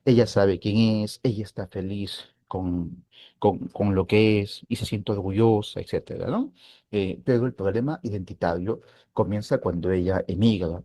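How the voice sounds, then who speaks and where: A man hosting a philosophy channel, talking through a film in a thoughtful, hesitant way, often pausing and checking in with his listeners. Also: deep voice, steady tone, dark tone, dry recording, clean studio sound. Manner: thoughtful, hesitant, with frequent "eh" and tag questions. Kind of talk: casual film commentary.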